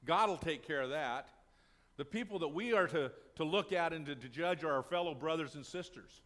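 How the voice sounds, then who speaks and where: An older man, a pastor, gives a sermon indoors in a small church sanctuary, chatting with the congregation and answering the questions he asks. He speaks a little fast, his voice on the high side with a fairly bright tone.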